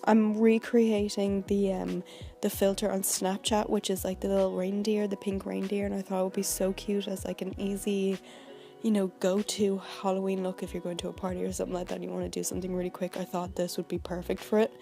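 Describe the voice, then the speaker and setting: A woman's voice: mid-range voice, completely flat delivery, brisk, vocal fry, dark tone, soft background music. A woman beauty vlogger narrating a tutorial in a casual, chatty, informal way.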